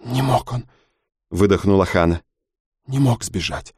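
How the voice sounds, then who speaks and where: A man's voice: fairly low pitch, expressive, fast, darkish tone, no room sound, clean studio sound, lightly acted. A man voicing a frightened young woman, breathless and fearful, at times screaming. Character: frightened young woman, treasure hunter's partner.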